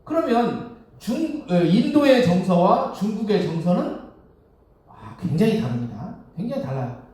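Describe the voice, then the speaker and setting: A man's voice: sits high, sing-song, normal speed, a little mellow. A man giving a Sunday sermon as a Won Buddhist minister, speaking conversationally, asking the congregation questions and chuckling often. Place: temple hall. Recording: very echoey hall, distant mic.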